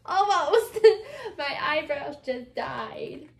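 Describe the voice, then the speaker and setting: A woman vlogger playing a whisper challenge game with her sister-in-law, mouthing phrases slowly and deliberately. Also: fairly high pitch, vocal fry, a bit bright. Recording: echoey room with background noise.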